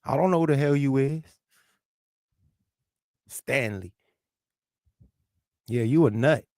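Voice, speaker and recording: Slow and darkish in tone, a man with a mid-range voice rants on his livestream, arguing profanely with the chat. He's from St. Louis, with a lisp and a local South Midwest accent. The audio is clean studio sound with no room sound.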